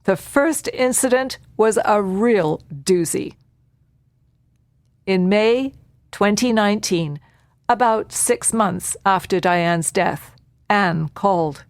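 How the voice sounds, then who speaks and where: A woman narrating a documentary at a measured, reflective pace. Her pitch sits in a middle range, and the sound is dry and close to the mic. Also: no echo.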